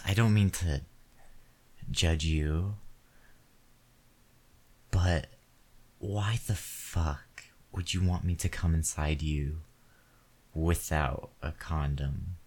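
A man voices a crude, hot-tempered character in a one-sided audio roleplay, using an exaggerated, darkish, slightly rough voice that is low and heavy with a slow, deliberate pace. Nervous in mood, he snarls and curses through almost every line, his bravado able to slip into frightened begging.

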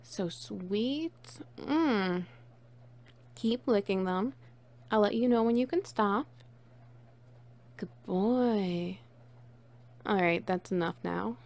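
With long pauses and a slow pace, a woman uses her darkish mid-range voice to portray a teasing, bossy friend in an intimate one-sided audio role-play. Her mood is affectionate as she coos praise, coaxes, and dotes on the listener.

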